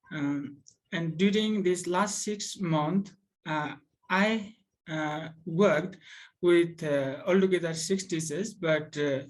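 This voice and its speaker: A man from Nepal who mentors teachers, introducing presenters on a video call with frequent pauses. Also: on the high side, rough recording. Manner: halting, frequent uhs. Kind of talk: online conference introduction.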